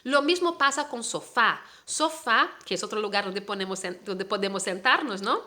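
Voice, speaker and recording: A woman's voice: medium pitch, expressive, moderate pace, sharp tone. A woman teaching a lesson, explaining patiently step by step, spelling words letter by letter and checking in with the class with short questions. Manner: checks in with rising "¿sí?" tags. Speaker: Spanish teacher. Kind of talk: online language lesson.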